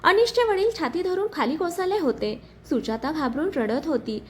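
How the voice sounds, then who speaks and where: Expressive woman narrating a story. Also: high-pitched, normal speed. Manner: dramatic, expressive reading.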